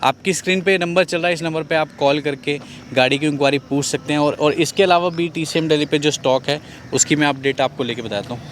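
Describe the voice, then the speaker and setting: A man's voice: fairly high pitch, fast talker, slight background noise. A man presenting a car sales vlog in a conversational way, repeating key points for viewers.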